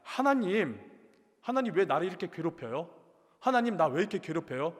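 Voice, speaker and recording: Man doing an exasperated old prophet, pleading and protesting, higher-pitched, echoing in a big hall. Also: big pitch swings, brisk. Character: exasperated prophet Moses, an older man complaining to God.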